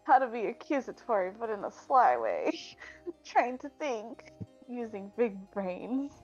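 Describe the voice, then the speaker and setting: A woman player chats casually during a tabletop game with lively, swinging intonation. Her mic sounds a little dull. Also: a little high, measured pace, faint music behind.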